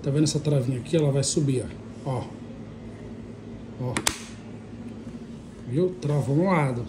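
A Brazilian motovlogger with a medium-pitched voice talks at a normal pace, giving an informal hands-on tutorial in short phrases with frequent little check-in tags. He's indoors in a tiled kitchen, and the phone recording is noisy with handling rustle.

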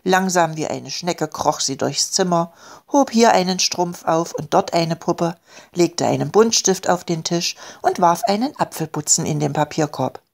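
A woman reading aloud her own children's story, with calm, expressive storytelling. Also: on the low side, measured pace, creaky. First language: German. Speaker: author and reader.

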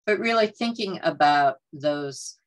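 Low-voiced woman presenting a webinar. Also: animated, a little slow, low-quality recording. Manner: frequent fillers, conversational and earnest. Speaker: workshop presenter. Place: home or office on a video call. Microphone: computer mic on a video call.

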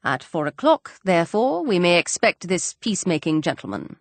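A dry, ironic older gentleman from an audiobook, as a woman reader puts him on, wry and understated. The voice moves with lively pitch and sounds close and dry. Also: normal speed, no echo.

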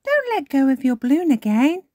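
Storybook piglet girl, high voice, chirpy, bossy, woman voicing her, swooping tone. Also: very animated, moderate pace, a little mellow, no room sound, clean studio sound. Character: cheerful bossy little girl pig. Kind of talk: storybook read-aloud.

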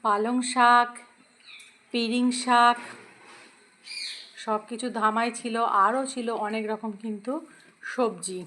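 A woman's voice: a little high, a bit bright. Chatty woman food vlogger, echoey room. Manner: chatty, addressing viewers as friends. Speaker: cooking and food vlog host. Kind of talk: casual chat to viewers. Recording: echoey room, faint noise.

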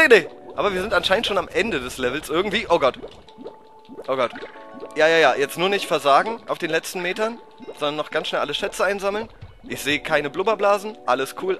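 Male let's-play gamer, excitable and loud, swinging pitch, game music in the background. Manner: excitable, shouts and groans at the game. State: voice cracking. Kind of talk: casual gameplay commentary.

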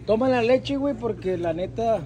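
A man's voice: extremely high pitch, animated, normal speed, mellow, lo-fi sound. A man with a Mexican accent hosting a food challenge, teasing and egging someone on in casual slang. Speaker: host filming a food challenge. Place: indoor grocery store. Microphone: phone at arm's length. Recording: busy store with crowd noise.

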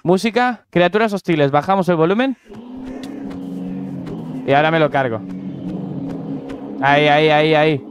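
A man's voice: a little high, moderate pace, long pauses, noisy background. Chatty young Spanish man gaming. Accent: Spanish from Spain. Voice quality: slangy, joking, talks to viewers and animals. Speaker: gaming YouTuber. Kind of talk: casual gameplay commentary.

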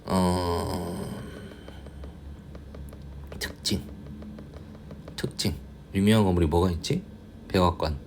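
A male English tutor going through a reading passage, reading the English slowly and explaining in quick asides, often muttering and grumbling to himself. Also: sits low, steady tone, creaky, darkish tone, a little hiss or hum. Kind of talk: casual reading-passage lecture.

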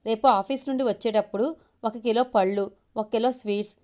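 A woman reading as Bhumi, a sharp, jealous young wife. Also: fairly high pitch, steady tone, brisk, close to an everyday voice. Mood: scolding. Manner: sharp, scolding and sulky. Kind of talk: storybook reading.

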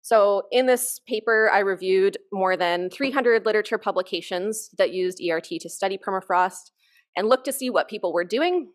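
A woman with a mid-range voice speaks at normal speed while presenting a conference keynote. Standing at a lectern on the hall's stage, she describes her research with informal enthusiasm.

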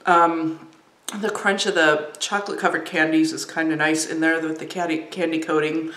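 A woman's voice: sits low, level tone, moderate pace. A woman chatting casually while reviewing and tasting snacks, with lots of ums. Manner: chatty, warm, frequent ums. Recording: roomy echo.

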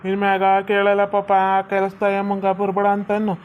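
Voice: mid-range voice, completely flat delivery, a little fast, lo-fi sound, slight background noise, close to an everyday voice. A performer voicing a bossy older village father-in-law in a cartoon, giving blunt orders in a North Karnataka accent. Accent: North Karnataka Kannada.

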